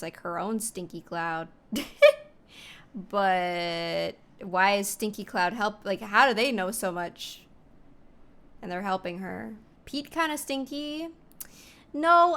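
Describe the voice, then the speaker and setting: A woman's voice: mid-range voice, a bit bright. A woman hosting a reaction video, giving casual, joking commentary in a slangy, rambling way.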